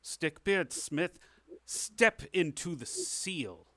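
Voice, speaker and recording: A man's voice: on the high side, animated, very slow, pushed and bright, no echo, voice pushed up, heavily acted. A man voicing a stately king who speaks in a solemn, ceremonial way in a tabletop game. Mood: regal.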